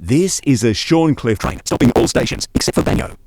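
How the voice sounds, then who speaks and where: Formal train station announcements, read by a man, play back as pre-recorded clips cut into pieces. His mid-range, darkish voice is brisk with lively intonation, though the public address reading stays evenly paced.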